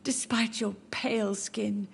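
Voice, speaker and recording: An actress playing a frail, grieving older mother who gently insists the dead still visit her, speaking in a soft, tender, drifting way. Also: mid-range voice, steady tone, slow pace, gravelly, a little hiss or hum. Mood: tender wistful.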